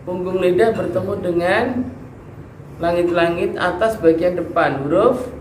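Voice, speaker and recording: A man's voice: high voice, a little slow. A man teaching a Quran recitation class, patiently explaining letter articulation, asking students questions and demonstrating sounds. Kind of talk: tahsin lesson on letter articulation. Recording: echoey room, background noise.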